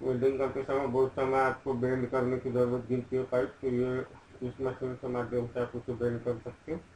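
A man's voice: medium pitch, completely flat delivery, normal speed, darkish tone, echoey room, slight background noise, rough recording. A man giving an informal voice-over that explains a small business idea, talking conversationally with fillers and restarts. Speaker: business video narrator.

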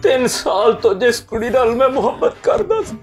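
A man's voice: very high voice, sing-song, moderate pace, soft background music. A man with a Pakistani Punjabi accent playing a wailing heartbroken visitor in a comedy sketch. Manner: loud, wailing complaint.

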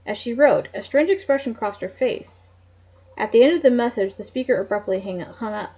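Husky woman reading a novel aloud. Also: fairly high pitch, lively intonation, fairly quick, mellow, lo-fi sound. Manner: reads with small slips and restarts, asides. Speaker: reader. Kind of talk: casual read-aloud of a novel.

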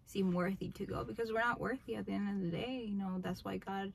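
Young woman, gravelly, casual and heartfelt, "like"-heavy, phone recording in a car. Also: medium pitch, fairly even intonation, brisk. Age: young adult. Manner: heartfelt, filler "like". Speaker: vlog co-host. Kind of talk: casual faith talk. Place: inside a car. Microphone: phone camera held by the man.

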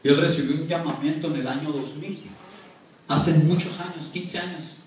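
A man's voice: on the high side, fairly even intonation, moderate pace, darkish tone, slight background noise. A man preaching a sermon, speaking passionately and directly to his congregation. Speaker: pastor. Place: church. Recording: echoey church hall, far from mic.

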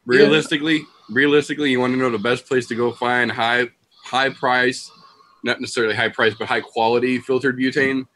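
Male, sharp forceful tone, blunt casual talk, faintly noisy video call. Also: mid-range voice, steady tone, brisk. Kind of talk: casual chat.

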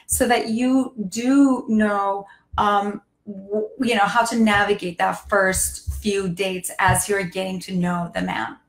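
A woman's voice: mid-range voice, echoey room, poor audio. A woman with laryngitis hosting a live dating-advice stream, chatty and full of fillers and restarts. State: hoarse from laryngitis. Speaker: dating coach and show host. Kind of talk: live-stream talk to viewers.

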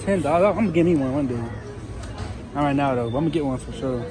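A man's voice: a little high, fast talker, over music. Young man vlogging on his phone. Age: young adult. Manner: laid-back slangy chatter, talks to viewers. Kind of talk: casual vlog chat. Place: car at night, then a big bright store. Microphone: handheld phone at arm's length.

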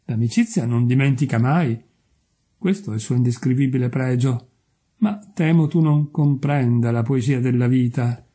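A man's voice: mid-range voice, moderate pace, warm tone, slightly rough, natural voice. A man voicing a selfish miller who talks in a pompous, self-righteous way. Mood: smug.

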